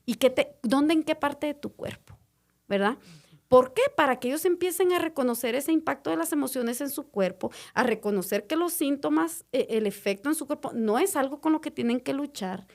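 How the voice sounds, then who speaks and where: Lady on a podcast, high voice, keeps saying verdad, loops back and restarts. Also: animated, normal speed. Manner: explains at length with frequent tag questions and restarts. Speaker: podcast co-host and mother. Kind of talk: casual podcast chat.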